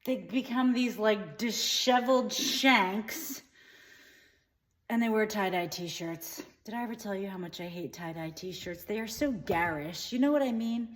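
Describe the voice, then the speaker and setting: Woman in a deadpan comic monologue, rambling, shrugging things off, mid-range voice. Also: mid-range voice, normal speed, hardly any pauses. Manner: rambling, trails off with dismissive asides. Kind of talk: deadpan comedic character monologue.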